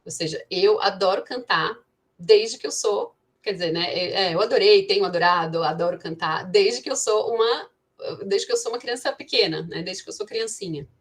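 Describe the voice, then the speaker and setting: A woman's voice: mid-range voice, normal speed. A woman teaching English grammar in an online class, thinking aloud with frequent restarts and "né".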